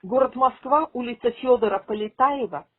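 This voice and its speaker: Woman, husky voice, formal complaint, assertive, argumentative, dry tinny phone recording. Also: on the high side, moderate pace, no echo. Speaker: migrant rights advocate. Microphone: telephone line. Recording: tinny phone call, radio-like.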